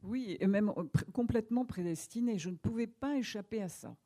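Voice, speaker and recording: A woman's voice: mid-range voice, fairly quick, warm tone. A French woman author talking at length in a conversational interview, thoughtful, with many small restarts. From France. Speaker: author guest. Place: media library talk.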